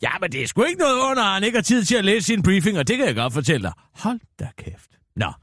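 A husky, gossip-hungry middle-aged woman, as a man puts her on for a radio comedy sketch. Her voice swoops from hushed secrets to eager peaks, and it sounds close and dry with no room around it. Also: sits high, big pitch swings, no room sound, exaggerated voice. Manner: breathless gossiping, dropping to a hush.

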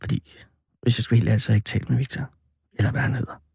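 A man's voice: mid-range voice, gravelly, husky, no echo. Man telling a story in a dry voice. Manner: animated, drawn-out delivery that turns hesitant with many fillers. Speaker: radio host. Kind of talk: personal storytelling monologue.

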